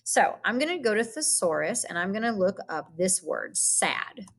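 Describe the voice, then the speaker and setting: A woman teacher patiently walking students through a vocabulary activity, explaining each step with gentle hums and fillers. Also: mid-range voice, very animated, normal speed. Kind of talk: recorded classroom lesson walkthrough.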